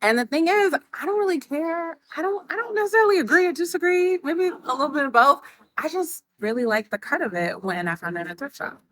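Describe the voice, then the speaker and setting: Bright-voiced woman, animated. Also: high-pitched, fairly quick, rough recording. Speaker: interviewee. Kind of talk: interview.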